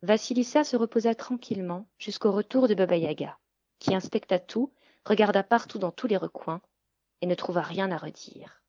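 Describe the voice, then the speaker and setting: A woman narrates a fairy tale in a measured, expressive storybook reading. Her voice sits in the middle range. The recording is muffled and dry. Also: mid-range voice, no room sound.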